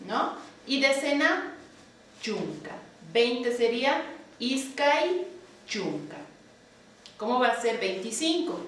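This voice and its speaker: A woman teaching a language lesson, drilling numbers slowly and patiently and checking in with her students. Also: a little high. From Bolivia. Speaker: Quechua teacher. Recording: roomy, echoey, distant from the mic with faint ambient noise.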